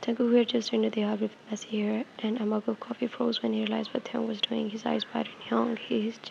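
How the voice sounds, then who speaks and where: A woman reading a romance fan fiction aloud, soft and slipping into whispers, with small stumbles and restarts. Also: a little high, flat delivery, a little fast, vocal fry, lo-fi sound, a little hiss or hum. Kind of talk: storytime narration.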